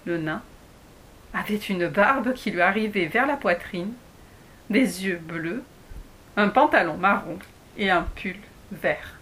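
Slow, bright woman reading a fairy tale. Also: mid-range voice, a little hiss or hum. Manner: slow, expressive read-aloud. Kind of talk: storybook narration.

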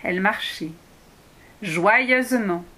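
A woman reading a children's story aloud as narrator, slow and clear. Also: medium pitch, bright, forceful tone.

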